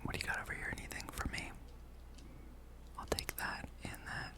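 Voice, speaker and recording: A gaming ASMR host speaks in a breathy whisper with no voiced tone at all, rambling unhurriedly as she muses aloud over gameplay.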